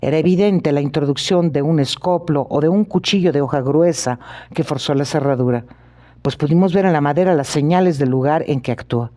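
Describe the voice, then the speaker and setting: A man narrating a classic detective story in an audiobook reading, with steady, clear storytelling. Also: fairly high pitch, brisk.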